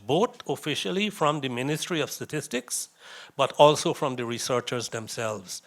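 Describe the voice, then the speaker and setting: A man's voice: a little high, a bit bright. A man from India, giving a conversational lecture to young visitors, anecdotal with chuckles and asides.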